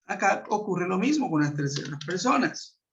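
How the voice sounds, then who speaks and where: A man teaching an online class, explaining patiently, checking in with his students and reading example sentences slowly. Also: high-pitched, big pitch swings, noisy background. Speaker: English teacher. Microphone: computer mic on a web conference. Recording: muffled web-conference audio.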